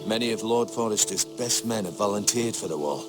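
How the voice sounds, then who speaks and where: In a fantasy game drama, an actor plays a prudent older castle steward, loyal and grave, who speaks in a measured, earnest, formal way. The male voice sits on the low side, is lightly acted, and is heard over music, with a solemn, consoling mood.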